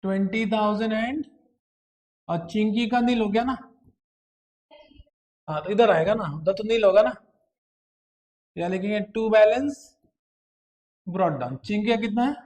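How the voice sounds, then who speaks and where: A man from India gives an accounts lecture in a high, darkish voice, taking his time and pausing often. He coaxes his class with a steady stream of questions and works terms into his talk as he goes.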